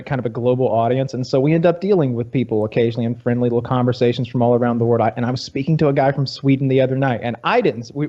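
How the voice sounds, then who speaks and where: A man from the American state of Georgia hosts a podcast and rambles through stories with animated energy, often restarting his sentences. His voice is mellow and mid-pitched. The audio is slightly dull and lo-fi. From Georgia, USA. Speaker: podcast host. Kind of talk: casual podcast conversation.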